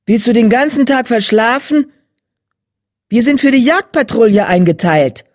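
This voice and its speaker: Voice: medium pitch, normal speed, darkish tone, lightly acted. A narrator voicing an impatient, grumpy male cat warrior who scolds others, in a German audiobook. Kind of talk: audiobook character voice.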